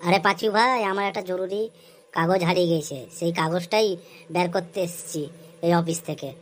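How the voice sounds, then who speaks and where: A woman playing a gossipy male friend who reports the wife's affair in a comedy skit, in a plain mid-pitched voice. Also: fairly quick, a little hiss or hum, close to an everyday voice.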